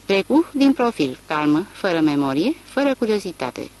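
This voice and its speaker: An audiobook narrator reading a literary novel in a measured, expressive way. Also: mid-range voice, low-quality recording.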